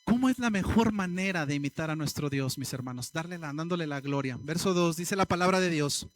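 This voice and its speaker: High-voiced preaching pastor. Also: male voice, expressive, brisk. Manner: preaching with rhetorical questions, addressing the congregation. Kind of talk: sermon.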